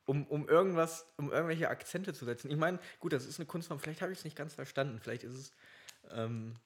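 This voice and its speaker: A man's voice: a little high, a little fast. Young man, podcast co-host, casual banter, rambling, self-correcting, laughs a lot.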